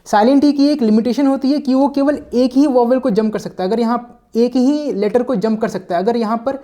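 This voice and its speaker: A man's voice: very high voice, brisk, warm tone. A male teacher explaining an English vocabulary lesson step by step. He often checks in with his listeners, mixes English words into his sentences, and sometimes corrects himself mid-word.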